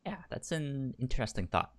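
A man co-hosts a book club podcast, chatting casually while often stammering on the first sounds of words and repeating words. His medium-pitched, fairly bright voice is very animated, and he keeps a moderate pace.

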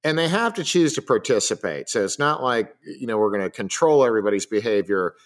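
A man's voice: on the low side, expressive, a little fast. A man co-hosting a podcast, explaining his ideas carefully and one step at a time, with small restarts. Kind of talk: casual podcast conversation.

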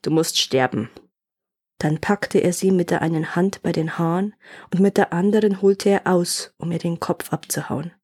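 A woman storyteller hosting a podcast, reading an old fairy tale aloud in a calm, measured way. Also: fairly low pitch, husky.

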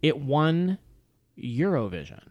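A man co-hosting a podcast in casual chat, excitable and jokey, reading facts aloud with amazement. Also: a little high, slow, no echo, dull audio. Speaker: podcast co-host.

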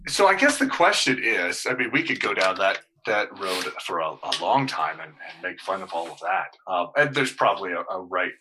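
A man's voice: deep voice, big pitch swings, normal speed, hardly any pauses, noisy background. A male pastor in casual discussion, talking hesitantly with many fillers and restarts.

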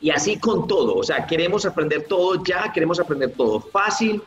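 A man who teaches English, answering interview questions in a lively way and acting out the people he quotes. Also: fairly quick. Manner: animated, acts out quoted people with big pitch jumps. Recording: roomy, slightly dull, faint music behind.

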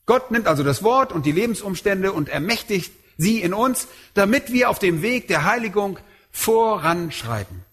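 Husky-voiced man preaching emphatically. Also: high-pitched, big pitch swings, moderate pace, a bit bright. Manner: emphatic, rhetorical questions to the congregation. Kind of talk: sermon.

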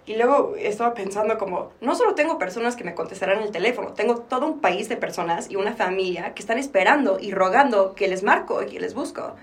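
A woman's voice: medium pitch, lively intonation, fast talker, few pauses, far from the mic. A woman in her twenties from Mexico with a Mexican Spanish accent, a podcast guest speaking openly and reflectively, now and then slipping English phrases into her Spanish. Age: 20s. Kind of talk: candid personal interview.

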